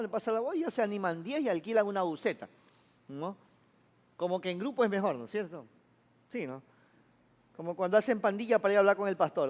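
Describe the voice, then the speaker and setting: A man's voice: high voice, long reverb tail. A man, a pastor preaching to his congregation in a chatty style, often asking them whether they follow along. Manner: conversational preaching, asks the congregation for agreement. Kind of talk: sermon. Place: church.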